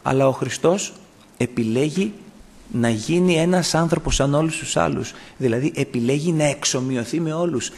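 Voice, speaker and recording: Male preacher, husky voice, fairly high pitch, fervent sermon delivery. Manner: impassioned preaching, swings from loud to hushed. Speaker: pastor.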